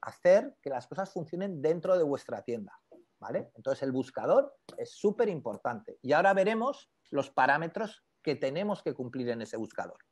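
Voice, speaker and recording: A man teaching an online class on e-commerce, conversational and animated, constantly checking in with his students. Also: fairly high pitch, moderate pace, husky. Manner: conversational, peppers speech with "¿vale?"; animated, lively explanations with asides to students. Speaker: e-commerce instructor.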